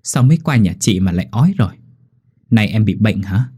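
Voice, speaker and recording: A man voicing a loud, cheerful older village woman neighbor, exclamatory and bossy. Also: fairly low pitch, animated, brisk, husky. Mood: boisterous.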